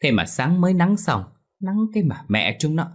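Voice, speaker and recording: A man voicing a sharp-tongued middle-aged village mother who curses and scolds in a shrill voice. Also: sing-song, normal speed. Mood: angry scolding.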